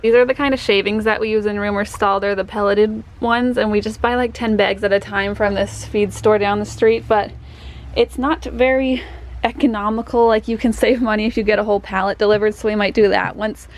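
A woman's voice: mid-range voice, steady tone, brisk. A woman giving a chatty, explanatory barn tour on a handheld camera, laughing often as she walks through a horse barn and paddock. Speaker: vlogger. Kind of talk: casual barn tour narration.

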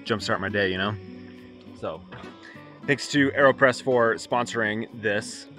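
At an outdoor campsite, a man shows off his camping gear in a casual walkthrough vlog, speaking a little slowly in a fairly low voice that sounds pushed and bright. Faint music plays behind him, and his speech is loose, rambling and full of fillers.

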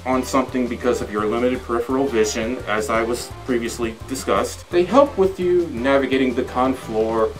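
A man's voice: medium pitch, moderate pace, hardly any pauses, over music, poor audio. A man giving casual, earnest how-to advice through a costume head, with little chuckles. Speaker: fursuit guide presenter. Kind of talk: casual instructional talk.

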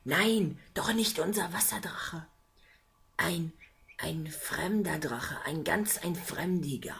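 A woman voicing a gentle water spirit in a puppet theater play, speaking in a hushed, breathy way. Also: fairly low pitch, takes it slowly, pitched above the performer's own voice, heavily acted. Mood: worried.

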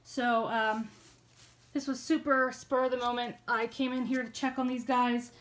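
Chatty woman with a bright, high voice. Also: fairly even intonation, normal speed. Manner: chatty, with frequent ums. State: slightly out of breath. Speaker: worm farming vlogger. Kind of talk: casual how-to vlog. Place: indoors by worm bins.

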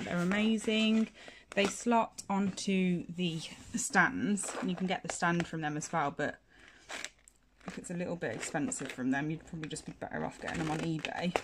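A young woman who does nails and hosts a channel gives a casual tour of her home nail room. She's a bit sniffly from hay fever, and her voice sits on the low side. She's chatty and self-deprecating, with plenty of fillers and restarts.

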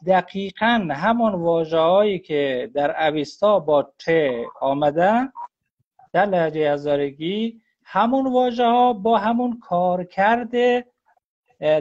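A man, a guest scholar on a live online interview, explains at length in a halting way, often pausing on a drawn-out "uh". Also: a little high, darkish tone. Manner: halting, with frequent drawn-out "uh" pauses. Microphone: phone or computer on a live video call. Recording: dull lo-fi livestream audio.

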